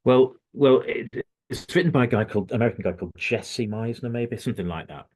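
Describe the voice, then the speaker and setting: A man's voice: mid-range voice, a little fast, darkish tone, slightly rough. A man, a coach, telling a story in casual chat and acting out the quotes as he goes. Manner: anecdotal, acts out quotes in the story.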